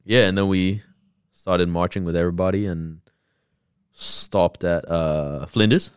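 A man's voice: low voice, steady tone, measured pace, clear, resonant tone, no room sound, studio quality. A young man co-hosting a podcast, telling stories in a slangy, matey way. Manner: slangy, matey, lots of bro. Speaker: podcast co-host. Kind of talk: casual chat, telling anecdotes.

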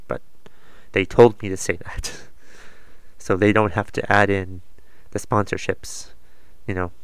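Somewhat stuffed up from a cold, this podcast host rambles through a casual solo episode, poking fun at himself. His lowish voice is creaky and a bit bright, with no echo.

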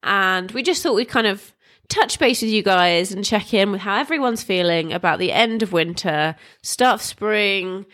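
A woman's voice: medium pitch, moderate pace, few pauses, fairly bright tone. A woman co-hosting a podcast in casual chat, talking with a stuffy nose, trailing off and laughing often, recorded in a room with the door open. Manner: chatty, laughs often, trails off mid-sentence. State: stuffy nose, about to sneeze. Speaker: podcast co-host.

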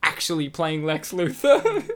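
Co-hosting a casual film commentary podcast, this man speaks with a slightly high, fairly bright voice whose pitch swoops wildly, and he takes his time. He rambles and jokes between points, often slipping into silly impressions.

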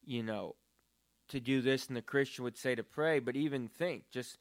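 A man's voice: medium pitch, moderate pace. A man talking about prayer in a casual, earnest and rambling way, with many fillers. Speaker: podcast co-host. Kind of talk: casual faith talk.

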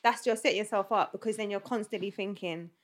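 A woman's voice: medium pitch, fast talker. A woman on a podcast reflecting earnestly on dating, with some hesitant restarts. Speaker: podcast co-host. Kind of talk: casual chat.

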